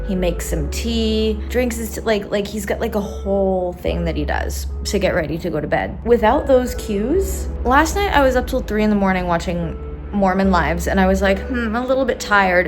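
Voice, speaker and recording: A woman narrates her day in an informal vlog. Her voice sits at a middle pitch and she pokes fun at herself as she chats. Music plays clearly behind her. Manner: informal, self-deprecating. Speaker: vlogger, freelance musician. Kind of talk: casual day-in-the-life vlog chat.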